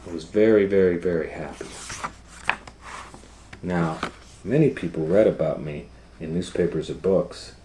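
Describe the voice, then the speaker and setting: In simple, deliberate phrases broken up by explanatory asides, a man reads a children's book aloud as a storytime educator. His voice rumbles low against a noisy background.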